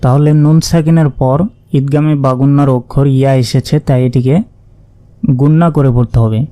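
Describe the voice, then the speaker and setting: A man teaching word-by-word Quran reading, spelling out each letter and vowel mark before slowly joining them into the recited word. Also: medium pitch, steady tone, warm tone. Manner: slow, drawn-out recitation of joined words.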